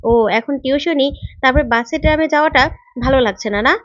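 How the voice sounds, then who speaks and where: Woman doing a stern young male tutor, sharp questions, high, lo-fi dull sound. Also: a little fast, no room sound, natural voice. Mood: scolding. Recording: dull, lo-fi recording.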